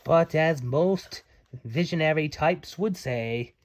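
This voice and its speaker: Reading a storybook aloud to his children, a father uses a fairly high voice and takes his time. His delivery is playful and theatrical, sprinkled with little asides, in an animated read-aloud.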